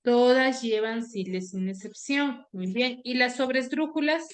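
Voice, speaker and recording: A woman teacher with a high voice leads an online class over a computer mic. She steadily quizzes her students, repeating her questions and checking in with them. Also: a little slow. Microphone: computer mic on a video call.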